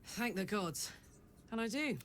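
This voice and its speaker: A woman's voice: medium pitch, animated, unhurried, lightly acted. Woman as a wry, hardened adventurer companion. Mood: dry. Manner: wry, conversational. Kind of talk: naturalistic video game dialogue. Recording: faint noise, background ambience.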